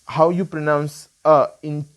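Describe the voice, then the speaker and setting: A man's voice: on the high side, flat delivery, unhurried, clean tone, muffled recording. A man from India with an Indian English accent, teaching an online language lesson and explaining each point patiently, step by step. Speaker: language tutor.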